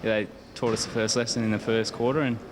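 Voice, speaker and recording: A young Australian rules footballer with an Australian accent gives casual, hesitant, rambling interview answers. His voice is on the low side, delivered flatly and quickly, with a noisy background.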